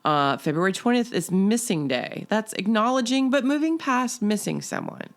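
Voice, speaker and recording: A woman's voice: mid-range voice, very animated, moderate pace. A middle-aged woman co-hosting a chatty podcast. She talks in a loose, playful way, teasing her co-host with dry asides. Laughter keeps slipping into her voice. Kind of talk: casual chat.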